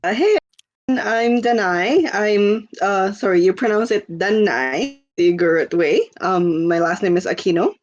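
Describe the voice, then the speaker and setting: A Filipino woman in her twenties, a guest on a podcast, chats casually, rambling with lots of fillers and laughing easily. Her mid-range voice is animated and unhurried, and the sound is lo-fi.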